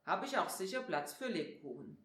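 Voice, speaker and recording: A woman voicing Saint Nicholas, a stern but kindly old man who grumbles and gently scolds a child. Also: fairly low pitch, big pitch swings, moderate pace. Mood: friendly. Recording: echoey room.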